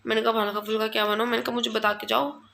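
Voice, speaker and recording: A woman's voice: fairly high pitch, level tone, very fast, vocal fry, fairly bright tone, slight background noise. A young woman chatting casually at home for her family vlog, rambling along and often quoting her husband. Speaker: family vlogger. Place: at home indoors.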